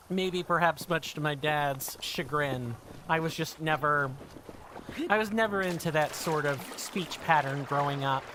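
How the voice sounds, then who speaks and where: Over a noisy background, a mid-range voice takes its time. It belongs to a U.S. streamer in their thirties who rambles through a casual let's-play chat while gaming, thinking aloud and correcting themselves.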